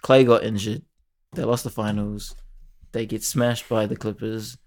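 A man's voice: lowish voice, fairly even intonation, unhurried, a little mellow. A young man co-hosting a podcast, chatting casually about sport in a slangy, matey, jokey way. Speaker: podcast co-host.

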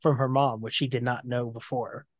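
A man's voice: medium pitch, level tone, moderate pace, no room sound, studio quality. A man co-hosting a casual book discussion podcast, recapping scenes and reading quotes aloud. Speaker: podcast co-host.

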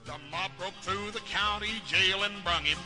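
An actor playing a big, good-natured grown son on a ranch, drawling and singing a comic ballad. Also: male voice, high voice, normal speed, music in the background, natural voice. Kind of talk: old-time western musical episode.

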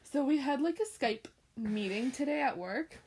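Young woman, relaxed chatty vlog delivery, constantly laughing. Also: high voice, moderate pace, slightly rough. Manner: giggly, laughs often. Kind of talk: casual chat.

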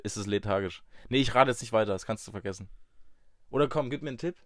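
A man's voice: on the low side, quick pace, no echo, studio quality. A man co-hosting a casual podcast, teasing his friend with crude banter and mock self-deprecation. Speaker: podcast co-host. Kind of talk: casual chat.

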